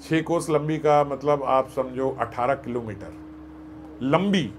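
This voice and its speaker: A man telling a devotional katha as a sermon, animated, acting out voices and joking with listeners. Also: mid-range voice, slow pace, a little hiss or hum. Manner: animated, acts out voices and jokes with the audience. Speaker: katha storyteller.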